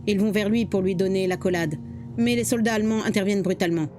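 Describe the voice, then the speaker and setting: A woman telling a dramatic true story as scripted narration, with expressive delivery. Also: medium pitch, fast.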